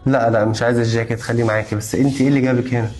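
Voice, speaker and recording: A man's voice: mid-range voice, steady tone, racing, darkish tone, faint music behind, lightly acted. A man playing a young husband home from abroad, speaking urgently and reassuringly. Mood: concerned. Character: young husband back from abroad, protective son.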